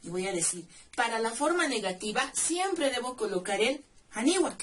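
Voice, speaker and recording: With a fairly high, very animated voice at a moderate pace, a language teacher walks through grammar one step at a time. She patiently spells out suffixes and checks in with the listener in a slow, deliberate classroom explanation, recorded on a distant mic with faint background noise.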